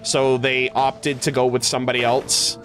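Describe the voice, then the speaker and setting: This video game streamer has a medium-pitched, level, slightly bright voice and talks at a moderate pace. He rambles conversationally, answering viewers and reminiscing, with plenty of "like," while music plays behind him.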